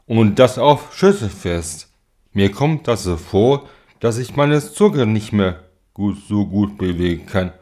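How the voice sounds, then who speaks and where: A man voicing a frightened man who is losing control of his body, speaking slowly and haltingly. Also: mid-range voice, big pitch swings, a little mellow. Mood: anxious, slow. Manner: slow, halting, strained speech.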